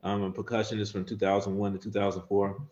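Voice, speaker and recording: A man's voice: lowish voice, little pitch movement, quick pace, a little mellow. A man in his thirties from eastern North Carolina, a guest talking in a confident, easygoing, joking way. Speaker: interview guest. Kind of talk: casual interview chat. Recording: roomy, dull lo-fi audio.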